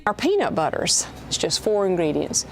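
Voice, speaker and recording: A woman's voice: lowish voice, big pitch swings, moderate pace, vocal fry, a little hiss or hum. A woman who owns a shop, explaining her business in a plain, folksy way in an interview. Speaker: peanut shop owner. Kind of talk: interview answers.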